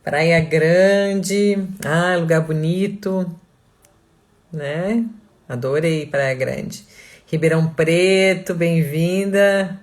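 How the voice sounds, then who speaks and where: A chatty online course instructor from Blumenau, Santa Catarina, Brazil, greets her live viewers in a casual class opening, reading out their names and towns and laughing easily. Her voice is fairly low in pitch and she speaks very slowly.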